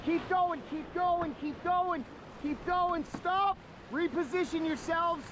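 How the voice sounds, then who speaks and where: High-voiced rafting guide shouting over rushing water. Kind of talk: calling out paddling commands and encouragement. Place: outdoors on a raft on a river. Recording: loud rushing river water noise. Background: rushing water and waves.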